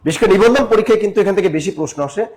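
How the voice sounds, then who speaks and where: A man from Barishal, Bangladesh, teaches a live online exam-prep class in a high, bright-pitched voice. He hammers each point home by repeating it. He quizzes his listeners as he goes. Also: animated, racing, a little hiss or hum. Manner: repetitive, drilling, asks the audience questions.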